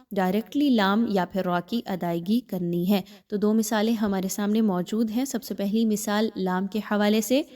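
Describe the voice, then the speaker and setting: A woman's voice: medium pitch, a little mellow. A woman teaching Quran recitation in a recorded online class, explaining each rule patiently step by step and mixing in English words.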